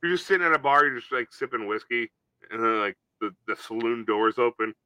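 A man's voice: medium pitch, animated, fairly quick, sharp tone, clean tone, dry recording. A man co-hosting a podcast, riffing in casual comedic banter and slipping into silly put-on voices. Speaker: podcast co-host.

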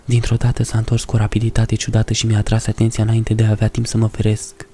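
A man narrating a first-person horror story in a measured, somber way. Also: on the low side, completely flat delivery, warm tone, slight background noise.

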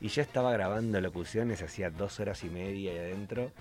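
Animated Argentine man telling stories. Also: sits low, fast talker, music in the background. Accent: Argentine Spanish. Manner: animated storyteller, acts out voices in anecdotes. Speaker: voice actor guest. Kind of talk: radio interview chat.

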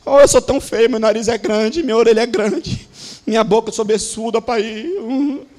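A whimpering, self-pitying soul, put on by a man, mopes in a soft, high, half-crying voice. Each complaint trails into little moans, quieter than the preaching around it. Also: fairly even intonation, normal speed.

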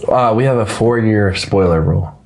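Low-voiced rambling male podcast host. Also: normal speed, a little mellow. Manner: rambling, profane, jokey. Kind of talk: casual podcast chat.

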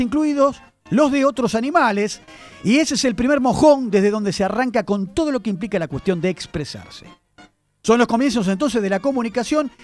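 A man hosts a radio column about where words come from, speaking in a high, very animated voice that jumps up and down as he spins his tale. Faint music plays behind him in the studio. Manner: chatty, animated storyteller addressing listeners. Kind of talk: radio segment on word origins.

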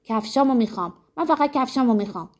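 A woman's voice: medium pitch, expressive, mellow, natural voice. A woman voicing a stubborn young girl insisting on having her own way. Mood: insistent. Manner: insistent, pleading.

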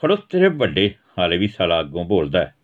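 A man's voice: low-pitched, wildly swooping pitch, a little fast, narrow, tinny audio. A man voicing an angry village father who harshly scolds his son in a storybook reading. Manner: harsh, shouting reprimands.

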